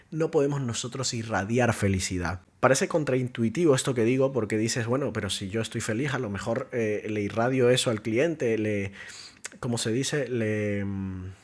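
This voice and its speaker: A man's voice: medium pitch, breathy edge. A man teaching an online course lesson as a contact center trainer, explaining step by step, acting out short agent lines and asking rhetorical questions.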